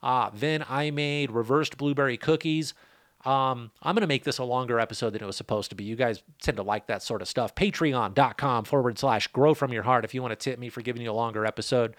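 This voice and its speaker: A relaxed middle-aged man who grows cannabis rambles through his podcast, loose and chatty with jokes on the side. His medium-pitched voice runs a little fast, recorded dry on a close mic.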